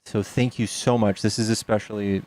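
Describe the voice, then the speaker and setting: Streaming live, this thirty-something man reads out donations and trades jokes with his chat in an easygoing way. He speaks at a moderate pace in a fairly low, steady voice that sounds a little mellow.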